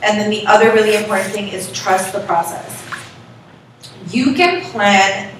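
A chatty, emphatic woman talks shop as an event planner, laughing easily. Her voice sits at an ordinary pitch. It rings around a very echoey room from a mic set some way off, with faint noise underneath. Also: unhurried, recorded from a distance. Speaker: event planner, podcast co-host. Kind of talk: casual chat.

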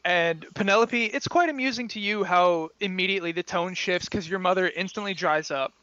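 A man narrating a tabletop game as game master, describing scenes in a relaxed way full of fillers, on a slightly dull lo-fi recording. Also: high voice, a little fast, no room sound.

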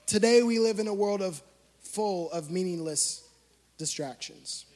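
A man telling a funny personal story as a sermon to a youth gathering, animated and self-mocking. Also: sits high, unhurried. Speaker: youth speaker. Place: large church hall. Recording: long hall reverb.

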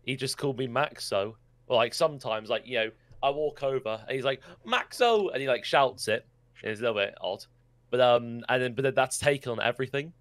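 A man's voice: medium pitch, steady tone, fairly quick, dry recording. A teenage lad co-hosting a podcast with his friends. He speaks in an average middle register, hesitating with ums and slipping into giggles. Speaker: podcast co-host. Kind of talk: casual chat.

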